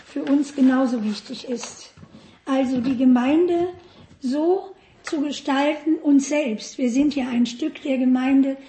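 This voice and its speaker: Woman giving a sermon, slow, high voice, asks the room questions, echoey church hall. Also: dark tone. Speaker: preacher.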